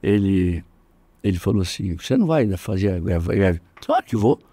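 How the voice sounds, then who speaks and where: Older man, Brazilian accent, animated storyteller, mellow tone, close dry sound. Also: normal speed, husky, no echo. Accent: Brazilian Portuguese. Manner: animated, acts out quoted voices with jumps in pitch. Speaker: interview guest, jiu-jitsu master. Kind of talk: storytelling in casual interview.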